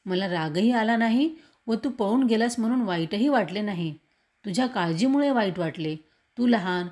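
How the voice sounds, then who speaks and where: Woman reading as a gentle loving mother. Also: mid-range voice, close to an everyday voice. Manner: tender, earnest.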